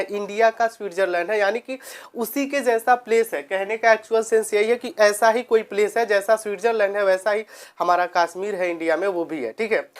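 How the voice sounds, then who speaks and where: A male tutor giving an exam-prep grammar lesson. He keeps asking his listeners questions and then answering them himself. When he reads an example sentence aloud, he slows right down and says each word with care. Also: sits high. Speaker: teacher.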